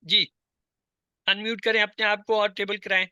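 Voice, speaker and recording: A man's voice: high-pitched, flat delivery, pushed and bright, clean tone, dry recording. A man teaching an online class, patiently drilling word tables, asking questions and repeating answers. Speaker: Arabic teacher. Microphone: video call.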